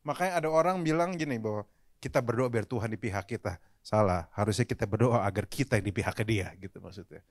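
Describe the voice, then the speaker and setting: A man's voice: fairly low pitch, fast talker, no room sound, studio quality. A man preaching a sermon at a live church service, talking casually and addressing the congregation directly, often slipping English phrases into his talk. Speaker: pastor.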